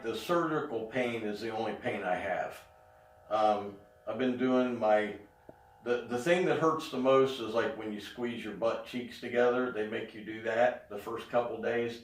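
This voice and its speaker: Middle-aged man, casual vlog update, halting delivery, roomy echo, distant mic. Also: medium pitch. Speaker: vlogger giving a health update. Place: indoors in an echoey room. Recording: echoey room, distant mic.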